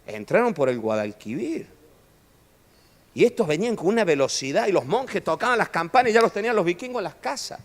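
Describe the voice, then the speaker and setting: A man preaching a sermon in a church hall, animated and joking with his listeners, often calling them brother. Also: sits high, fairly quick. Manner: animated preaching, constantly saying "hermano", jokes with the audience. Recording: long reverb of a church hall.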